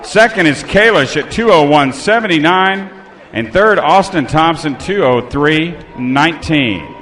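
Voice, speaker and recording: A male swim meet announcer gives live race commentary in a high, forceful voice. His delivery is excited and rallying, as he keeps track of the racers and urges people on. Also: measured pace.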